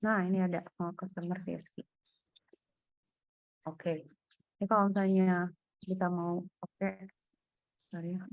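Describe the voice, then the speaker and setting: A woman's voice: fairly low pitch, level tone, a little slow, long pauses, lo-fi sound. Casual woman tutoring data science. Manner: casual, thinking aloud while walking through code. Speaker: coding tutor. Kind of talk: private coding lesson over screen share.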